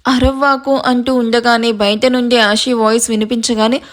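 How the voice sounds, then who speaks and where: A woman storyteller narrating a romantic story in a lively reading style. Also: on the high side, brisk. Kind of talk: scripted narration.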